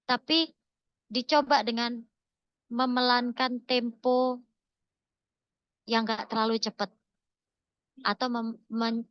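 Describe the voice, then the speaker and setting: Woman, higher voice, smooth and clear, dry close sound, muffled call audio, coaching webinar. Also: dry recording. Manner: repeats key words for emphasis, lively and encouraging. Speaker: webinar speaker. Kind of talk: coaching talk answering questions.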